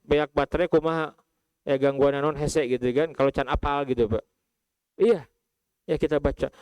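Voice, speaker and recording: A man with a Sundanese accent preaching to pilgrims, asking his listeners questions and swinging from calm recitation to high animated outbursts. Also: clear, resonant tone, no echo. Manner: addresses listeners as Pak and Bu, asks rhetorical questions. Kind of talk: sermon to pilgrims.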